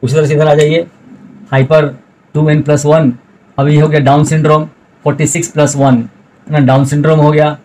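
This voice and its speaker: Male biology teacher, middle-aged, flat monotone delivery, repeats terms for students. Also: on the high side, fairly quick, long pauses, low-quality recording. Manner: explains step by step, repeats key terms, addresses students directly. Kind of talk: recorded video lecture explaining notes.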